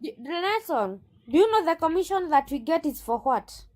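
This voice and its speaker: A woman's voice: high-pitched, very animated, moderate pace, darkish tone. A Kenyan woman who runs a recruitment agency, answering interview questions and arguing her case firmly. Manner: assertive, argues her case. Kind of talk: interview guest.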